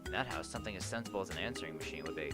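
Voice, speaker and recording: A man with a low-pitched voice races through a visual novel's first-person narration at a very fast pace during a let's play. He reads earnestly and with energy, stumbling now and then, over faint game music.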